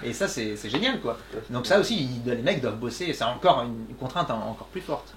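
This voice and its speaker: A man in his thirties, a voice actor answering audience questions in a relaxed, chatty way, laughing often and filling pauses with "euh". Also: mid-range voice, crowd noise. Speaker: voice actor guest. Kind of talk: casual Q&A talk. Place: small workshop room with audience.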